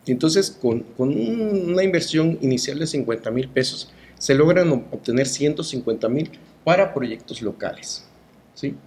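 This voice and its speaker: A middle-aged man with a Mexican accent speaks at a medium pitch. He talks as an interviewee with firm opinions, pressing his points with rhetorical questions and short tags that seek agreement. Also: expressive, moderate pace, a little mellow. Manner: emphatic, rhetorical, ends phrases with tag questions. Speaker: cultural promoter and artist being interviewed.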